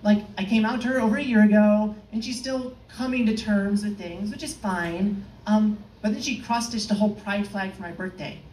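A young woman works through a stand-up set in a deadpan, understated way, landing dry one-liners between small fillers. Her voice sits at an ordinary pitch. It is picked up from across an echoey club room with faint ambience underneath. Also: moderate pace, a little hiss or hum. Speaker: stand-up comedian. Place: comedy club stage, in front of a live audience. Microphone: far room pickup, no mic held. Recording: echoey club heard from far off.

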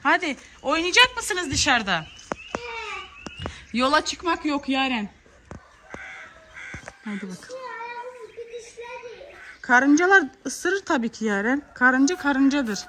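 A woman's voice: sits high, expressive, takes it slowly, long pauses. A woman chatting in a home vlog, often calling out to her children as she does chores. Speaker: vlogger and mother. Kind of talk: casual home vlog chat. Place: home, kitchen and yard. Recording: echoey room with background noise.

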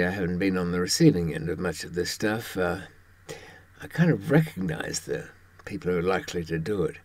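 In a close, dry recording with no room sound, a man in his seventies speaks in a low, husky voice whose pitch swings lively. He's a presenter talking to camera about his own experience, wry and conversational, often halting and pausing to find his words.

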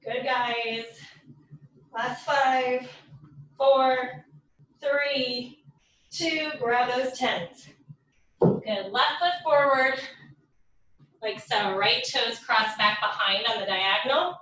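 Fitness coach, woman, slightly high voice, breathless cueing, distant echoey room mic. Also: drawn-out words, pauses often, bright, forceful tone. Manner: cueing reps and counting down, upbeat. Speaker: fitness instructor. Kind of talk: live workout instruction. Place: home workout room. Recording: roomy echo from far off the mic.

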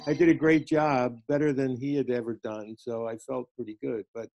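Mellow-voiced man telling a story. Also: mid-range voice, steady tone, normal speed, faint music behind. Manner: rambling, with hesitant fillers. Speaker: small group participant. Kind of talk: casual storytelling on a video call. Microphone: video call.

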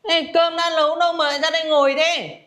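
A woman's voice: extremely high pitch, level tone, fast, a bit bright. A woman playing a middle-aged mother in a comedy family skit who favors her son and scolds her daughter, nagging and exasperated. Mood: scolding.

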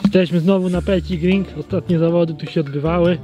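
A man's voice: high voice, fairly even intonation, quick pace. A young man chatting and narrating a scooter test outdoors, caught on a handheld camera. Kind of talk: casual chat and commentary. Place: outdoors in a grassy field. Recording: outdoor camera audio with music. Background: music.

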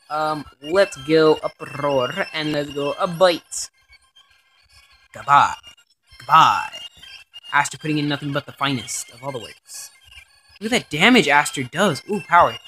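A man doing let's play commentary on a game, excitable and rambling, swearing often. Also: a little high, slight background noise. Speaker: gaming commentator.

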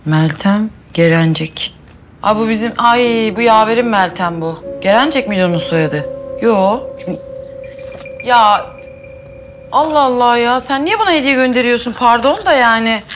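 An excitable pregnant housewife. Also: female voice, fairly high pitch, a little slow, faint music behind. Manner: animated, talks to herself a lot. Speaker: pregnant wife. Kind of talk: TV drama acting.

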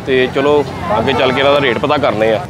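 A man with a Lahori Punjabi accent, his voice mid-range and his tone steady, talks fast as he vlogs from a bustling outdoor bazaar. He's chatty and enthusiastic, speaking directly to viewers while the market crowd carries on behind.

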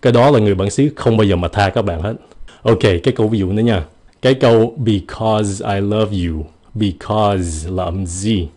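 A man giving a casual, joking pronunciation lesson, slowing down to stretch out the example words. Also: fairly low pitch, a little mellow. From United States. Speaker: English pronunciation teacher.

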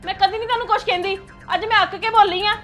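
A woman's voice: very high-pitched, steady tone, rapid-fire, fairly bright tone, faint music behind. An actress playing a fed-up young wife who complains indignantly about her husband. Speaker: actress in a family skit.

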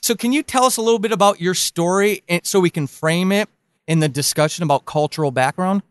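A man's voice: high voice, brisk, smooth, dry recording, clean studio sound. A man hosting an interview podcast, asking long, encouraging questions. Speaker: podcast host.

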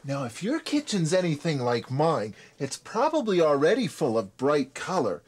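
A man in his thirties hosts a scripted cooking show in a home kitchen and a supermarket, leading viewers step by step with upbeat instruction and playful asides. His voice sits on the high side, talks at normal speed, and swings hugely in pitch.

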